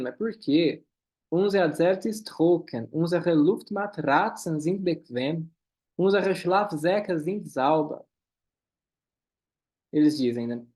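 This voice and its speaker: A man leads a German lesson. His voice sits a little high. He says the German lines slowly, then explains them quickly. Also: darkish tone. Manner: switches between slow careful German and quick explanations. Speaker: German teacher. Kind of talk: online class, reading dialogue and translating.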